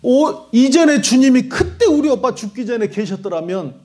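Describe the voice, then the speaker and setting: A man's voice: extremely high pitch, animated, moderate pace, a little mellow, voice pushed up. A male pastor voicing a grieving woman disciple who pleads in tears during his sermon. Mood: tearful pleading. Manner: plaintive, sobbing pleas.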